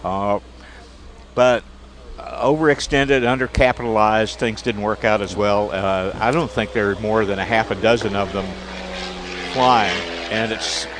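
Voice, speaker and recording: A man's voice: fairly low pitch, fairly even intonation, measured pace, a bit bright, slight background noise. Male co-host, dry aviation chat. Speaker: podcast co-host. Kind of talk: casual outdoor podcast chat. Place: outdoor airfield deck.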